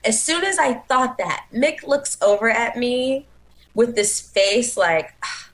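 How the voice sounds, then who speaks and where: Lively young woman telling stories. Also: on the high side, slow, low-quality recording. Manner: animated, laughs often, acts out quotes. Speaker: interview guest, dancer and singer. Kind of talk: casual storytelling.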